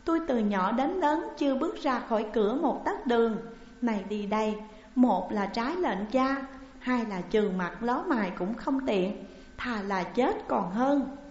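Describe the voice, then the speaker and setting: A woman voicing a sheltered young noble daughter who is grief-stricken and dutiful, speaking in a high, tearful, pleading voice. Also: animated, measured pace, darkish tone. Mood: sorrowful. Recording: dull, echoey recording with long reverb.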